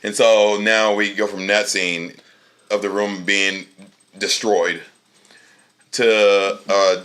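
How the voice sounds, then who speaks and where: Deep-voiced man recapping a movie. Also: flat delivery, slow, fairly bright tone. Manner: loose, profane, echoes and finishes others' sentences. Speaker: podcast co-host. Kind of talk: casual movie recap chat.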